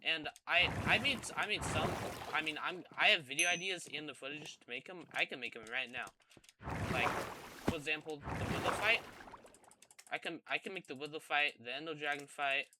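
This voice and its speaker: A man's voice: on the high side, normal speed, heavy background noise. A man telling a casual gaming story, rambling and hesitant with many ums and repeated words. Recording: loud keyboard typing and clicks behind.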